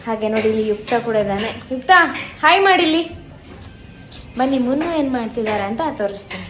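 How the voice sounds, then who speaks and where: A lively woman hosts a casual home vlog. Her voice sits a little high, with faint noise behind it. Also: fairly quick. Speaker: vlogger co-host.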